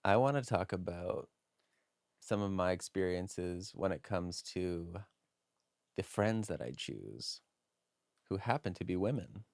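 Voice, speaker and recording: A man's voice: sits low, expressive, unhurried, long pauses, a little mellow, dry recording. A man co-hosting a casual podcast, trading dry, teasing jokes and sharing his own experiences. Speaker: podcast co-host.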